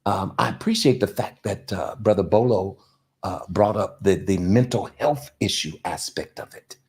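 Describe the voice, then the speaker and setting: A man's voice: deep voice, normal speed, a little mellow. A man in a casual discussion, making a preachy point and asking "you see what I'm saying?" again and again.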